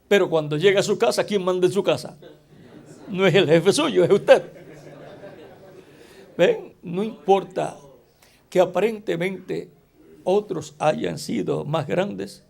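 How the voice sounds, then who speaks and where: A man preaching a sermon slowly and deliberately, asking the congregation rhetorical questions. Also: high-pitched, very animated, vocal fry, a little mellow.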